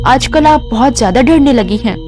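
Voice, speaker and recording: A woman voicing a quiet, possessed young wife who speaks in a soft, cold, flat tone. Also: on the high side, over music, close to an everyday voice. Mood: confused.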